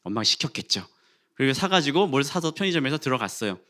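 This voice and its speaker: Animated Korean pastor telling a story. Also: male voice, mid-range voice, fast talker. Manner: animated storytelling, acting out quarrels and rising to loud exclamations. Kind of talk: sermon with a humorous personal story. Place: church sanctuary.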